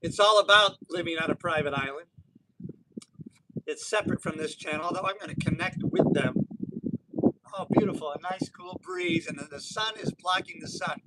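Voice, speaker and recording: A man's voice: high voice, lively intonation, moderate pace, heavy background noise. A man in his sixties live-streaming outdoors on an island, talking in a rambling, motivational way with many restarts. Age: 60s. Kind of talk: casual live-stream monologue. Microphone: phone or camera for a live stream.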